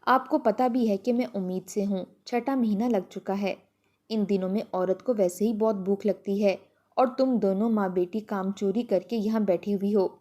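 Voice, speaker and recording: A woman's voice: medium pitch, fairly even intonation, dark tone, close to an everyday voice. Woman reading as an imperious pregnant sister-in-law. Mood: commanding. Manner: imperious, scolding.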